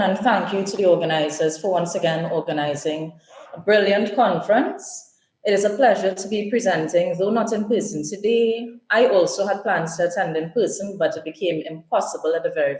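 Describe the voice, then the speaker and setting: A woman from Trinidad and Tobago, giving a measured, formal conference presentation remotely. Her voice is heard over a video call in a screen recording. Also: on the low side, a little mellow, roomy sound, rough recording. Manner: measured, formal, listing points.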